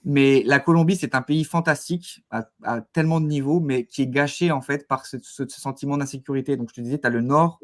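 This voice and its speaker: A man giving a casual interview as a guest, haltingly repeating words as he searches for phrasing. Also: mid-range voice.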